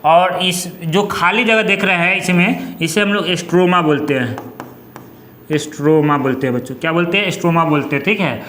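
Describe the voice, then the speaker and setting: A man's voice: fairly high pitch, measured pace, a bit bright, reverberant, slight background noise. A man teaching biology, repeating each term and asking his pupils to say it back. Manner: repeats terms with call-and-response questions. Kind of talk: classroom lesson.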